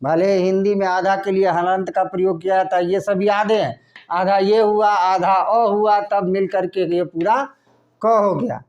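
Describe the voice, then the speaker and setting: Guy teaching to english spelling, talks real slow, keeps asking the class then answers himself. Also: high voice, flat delivery, a little mellow, highs cut off. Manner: asks questions and answers them himself, repeating words slowly.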